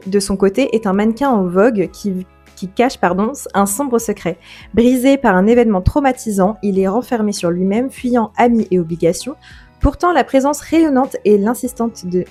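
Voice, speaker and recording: A young woman chatting casually to camera on her book vlog, filling her talk with fillers and quick self-corrections. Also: medium pitch, warm tone. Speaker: book vlogger. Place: holiday home on vacation.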